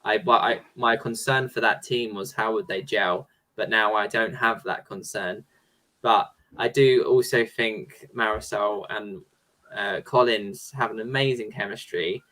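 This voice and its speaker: A man co-hosting a casual panel podcast, talking excitedly in quick bursts with frequent restarts. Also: on the low side, rough recording. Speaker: podcast co-host.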